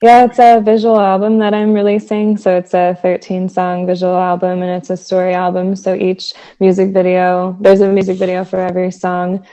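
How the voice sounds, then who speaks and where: A woman's voice: on the low side, monotone, normal speed, hardly any pauses, warm tone, smooth, poor audio. A woman from Texas, a musician guest in a casual interview over a video call, enthusiastic and laughing often. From Texas, USA.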